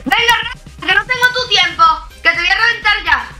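A woman's voice: very high voice, brisk. A woman gamer trash-talking brashly, swearing and mocking, in casual banter. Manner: brash, swearing, mock-tough trash talk. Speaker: gamer being pranked. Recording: echoey with loud music underneath.

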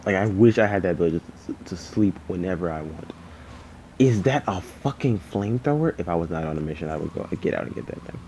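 A man's voice: low voice, animated, quick pace, mellow, a little hiss or hum, rough recording. A man giving rambling, casual gameplay commentary, sleepy and yawning, swearing often. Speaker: gaming channel host.

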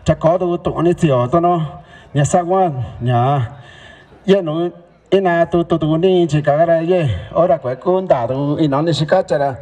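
A man from Mexico works as announcer at a village fiesta dance in a church. His voice sits high but sounds soft and warm rather than bright. He talks in short clipped phrases, calling out sponsors and guests one after another. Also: measured pace. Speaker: event announcer.

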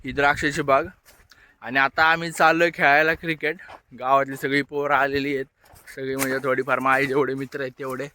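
A man's voice: mid-range voice, level tone, a little fast. A young man from Maharashtra chatting to his viewers as friends while filming a casual village vlog outdoors. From Maharashtra, India. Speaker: vlogger. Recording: outdoor phone recording with loud background noise.

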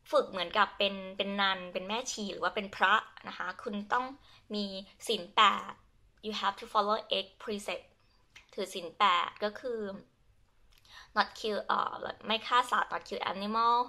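A young adult Thai woman teaching her language, switching between Thai and slow, halting English with a Thai accent, and often repeating herself. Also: medium pitch, bright, forceful tone. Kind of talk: bilingual lesson, Thai with English glosses.

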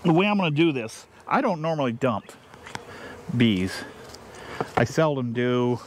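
A man, a beekeeper, explaining his steps in a casual, unhurried way while he works outdoors. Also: medium pitch, animated, a little hiss or hum. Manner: plain, unhurried, thinking aloud while working. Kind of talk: casual how-to narration. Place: outdoors beside a beehive. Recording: faint outdoor ambience with buzzing bees.

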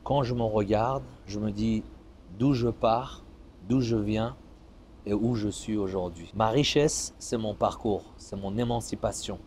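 A man in his forties from Iran, a fitness coach, talking in a calm, measured, motivational way. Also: lowish voice, slight background noise. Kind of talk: vlog monologue answering viewer questions. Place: seated on an outdoor terrace, then driving a car.

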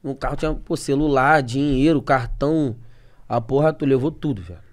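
A man's voice: medium pitch, moderate pace. A young man, a podcast guest telling a story in rambling, slangy casual talk and laughing often.

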